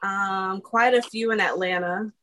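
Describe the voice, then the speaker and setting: A woman's voice: mid-range voice, fairly even intonation, measured pace, pushed and bright, low-quality recording. Woman co-host, plain mid voice, matter-of-fact and teasing. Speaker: podcast co-host reading analytics. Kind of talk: casual podcast chat.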